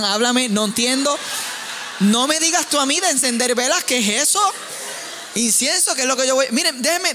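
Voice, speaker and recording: A man preaching a sermon as pastor, an animated, joking storyteller who acts out his family members. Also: extremely high pitch, long reverb tail.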